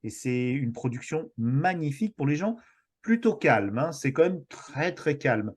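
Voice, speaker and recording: A man from France talks as a guest on a casual podcast. He sounds enthusiastic, but his sentences come out hesitantly. He fills pauses and restarts his words often. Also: a little high, lively intonation, slightly rough.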